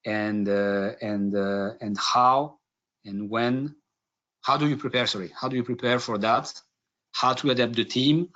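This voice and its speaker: A man from Hungary giving a business webinar presentation, halting, with many fillers and restarts. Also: mid-range voice, a bit bright. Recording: dull lo-fi webinar audio.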